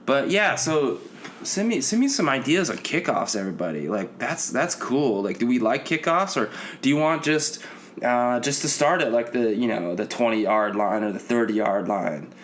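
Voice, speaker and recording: A man's voice: medium pitch, animated, moderate pace, a bit bright, slight background noise. A man hosting a casual solo sports podcast, rambling and restarting his sentences often. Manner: rambling, full of restarts and fillers. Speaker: podcast host.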